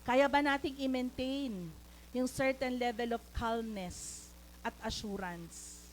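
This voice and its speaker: A woman's voice: fairly high pitch, slow, rough recording. Filipino woman, church sermon, raised voice, faint hum behind. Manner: mixes English into Tagalog, calls for amens. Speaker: lay preacher.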